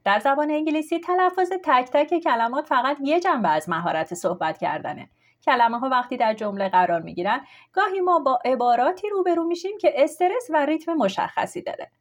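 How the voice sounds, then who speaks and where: A woman reading a scripted language lesson, explaining with clear, steady delivery. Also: sits high. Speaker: language teacher.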